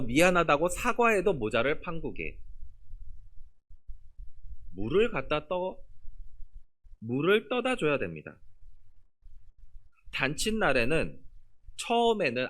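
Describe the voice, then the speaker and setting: A man preaches a sermon from the pulpit of a church, and his pitch climbs and falls in an animated sweep. When he reads scripture he lets the closing words sink down low and soft. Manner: preaching with lively rises and falls, dropping low on scripture endings. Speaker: pastor. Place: church sanctuary.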